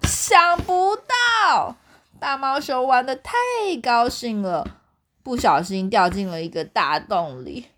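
A young woman with a Taiwanese Mandarin accent reading a picture book aloud to her child at bedtime, in an animated storytelling way. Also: on the high side, slow.

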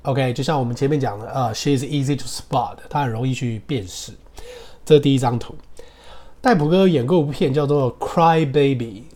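A man with a Taiwanese Mandarin accent teaching English casually, drilling words slowly and laughing as he goes. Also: mid-range voice, darkish tone. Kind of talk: casual podcast English lesson. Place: hot room with motorbike traffic outside.

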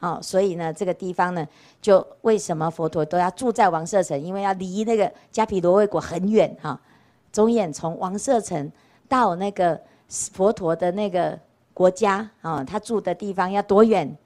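Chatty nun lecturing. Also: female voice, on the low side, moderate pace, darkish tone. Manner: chatty, keeps asking rhetorical "right?" questions. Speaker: Buddhist nun lecturing on scripture. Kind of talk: casual storytelling dharma talk. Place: temple lecture hall.

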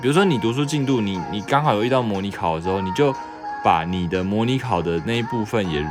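A young man with a Taiwanese Mandarin accent and a fairly low voice, chatting casually on a livestream. He reads viewer questions aloud and answers them offhandedly, with a joke here and there. Soft music plays faintly in the background. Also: expressive, quick pace.

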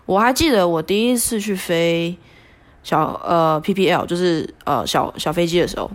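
A woman telling a personal story on a podcast, animated and self-deprecating with many fillers. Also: on the low side, normal speed. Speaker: podcast host.

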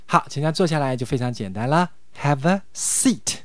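A man hosting a language lesson, modelling English phrases slowly and coaxing his co-host to repeat them. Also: mid-range voice, animated, no room sound, clean studio sound. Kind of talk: radio-style language lesson.

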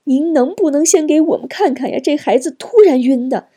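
A woman's voice: high-pitched, brisk, warm tone, voice pushed up, close to an everyday voice. A woman voicing a frantic mother pleading for help for her sick son, in an audiobook. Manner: pleading, urgent.

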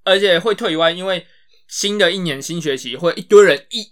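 A young man in his twenties chats casually on a podcast at a rapid clip. His voice is bright and sits a bit high. He tells stories animatedly and swears when he gets excited. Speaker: podcast co-host. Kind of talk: casual chat.

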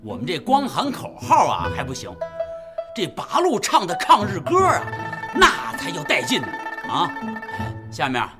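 An actor playing a jovial soldier who coaches his comrades in shouting slogans, chuckling and coaxing as he talks. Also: high voice, huge pitch swings, a little slow, over loud music, exaggerated voice. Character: jovial male puppet-army soldier teaching slogans. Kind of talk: radio drama acting.

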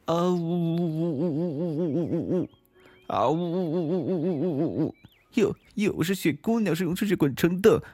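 A woman voicing a timid young snow maiden girl who sobs, stammers and pleads in a high, quick voice. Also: mellow, breathy edge, dry recording, faint music behind. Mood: sobbing. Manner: wailing, stammering, fast high sobbing speech.

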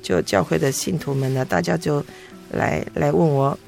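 A middle-aged woman earnestly telling her faith testimony as an interview guest, emotional and halting with frequent restarts. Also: low-pitched, creaky, darkish tone, soft background music.

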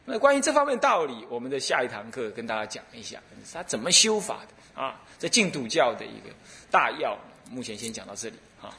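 A man with a Taiwanese Mandarin accent, a Buddhist abbot giving a dharma lecture with lively, humorous storytelling. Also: medium pitch, a little fast.

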